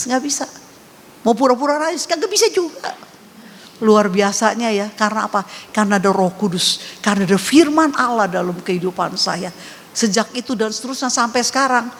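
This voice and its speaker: Older female pastor, conversational storyteller with emphatic repeats, recorded in a reverberant church hall. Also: a little high. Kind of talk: sermon testimony.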